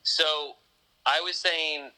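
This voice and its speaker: Bright-voiced man in rambling casual chat. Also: on the high side, steady tone, very slow, low-quality recording. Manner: rambling, self-deprecating, thinks out loud. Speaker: podcast co-host.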